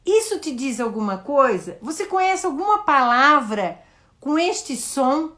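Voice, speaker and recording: A Brazilian woman teaching in a live session, modelling the questions she asks a child and explaining each step with slow, stressed words. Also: sits high, sing-song, a bit bright. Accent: Brazilian Portuguese. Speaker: educator hosting a live session.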